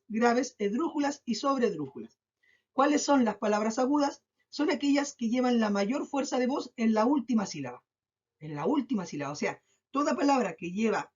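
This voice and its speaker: A woman teacher giving a recorded class, patient, drawing out syllables slowly and checking in often. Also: on the high side, a little mellow. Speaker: school teacher. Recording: dull lo-fi recording.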